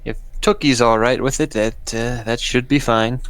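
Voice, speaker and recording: Nervous mob newcomer, male, played by a tabletop gamer, mid-pitched, halting and doubtful. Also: fairly even intonation, a bit bright, no echo, natural voice. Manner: halting, unsure, stammering. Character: nervous, hesitant male gangster rookie named Mikey. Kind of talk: in-character tabletop role-play.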